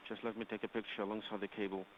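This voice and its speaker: A man relaying talk over a crackly space radio link, halting, with frequent fillers. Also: on the low side, little pitch movement. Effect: space radio link, crackly and muffled. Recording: muffled radio link with loud static hiss.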